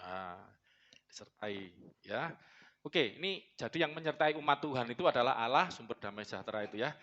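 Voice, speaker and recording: Blunt, joking pastor. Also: male voice, mid-range voice, expressive, brisk, a bit bright, highs cut off. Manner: joking, blunt, mixes in Javanese phrases. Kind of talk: sermon. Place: church.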